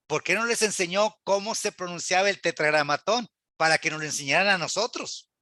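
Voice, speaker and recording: A man teaches a church Bible class in a high, bright voice. He asks rhetorical questions and quotes scripture aloud with earnest emphasis. The sound is dry and close. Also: dry recording.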